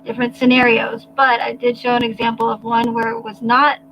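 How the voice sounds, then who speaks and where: A woman's voice: fairly high pitch, monotone, brisk, fairly bright tone, a little hiss or hum, poor audio. A woman hosting a casual livestream, chatting with viewers in a rambling, hesitant way with many restarts. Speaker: livestream host. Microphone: home microphone.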